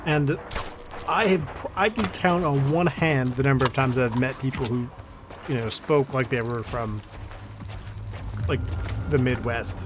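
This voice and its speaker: A man's voice: medium pitch, unhurried, long pauses. Chatty young man over game gunfire. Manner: chatty, rambling, answers chat, laughs easily. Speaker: gaming streamer. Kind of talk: casual let's-play commentary. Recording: game gunfire and noise behind voice. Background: game sounds, gunshots.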